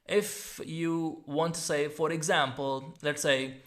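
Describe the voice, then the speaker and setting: A man with an Indian English accent teaching English exam skills, slowly explaining words and repeating points. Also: a little high, fairly even intonation, a bit bright. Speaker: IELTS teacher. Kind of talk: explaining an exam model answer.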